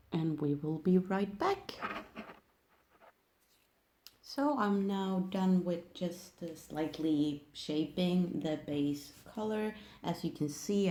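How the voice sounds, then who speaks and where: A Swedish woman with a mellow, lowish voice speaks English as a second language in a casual, hands-on tutorial, her Swedish accent clear. She's a nail technician making tutorial videos, and she sounds hesitant, searching for words.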